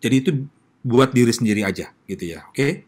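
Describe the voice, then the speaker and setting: A man's voice: mid-range voice, lively intonation, brisk, darkish tone. A man with an Indonesian accent, a pastor giving a casual sermon and answering questions, talking straight to his listeners with many tag questions.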